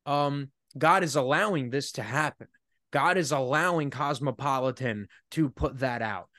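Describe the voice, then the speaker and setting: A man's voice: medium pitch, normal speed, bright, forceful tone, no echo, studio quality. A man hosting a podcast, reflecting on faith in a casual, rambling way and thinking aloud with plenty of fillers. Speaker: podcast host.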